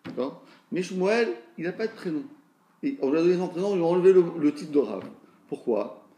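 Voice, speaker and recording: Male Torah teacher, fairly high voice, echoey room, stop-start explaining. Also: animated, fairly quick, dark tone, slight background noise. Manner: repeats and restarts words, asks and answers his own questions. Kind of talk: Talmud lesson.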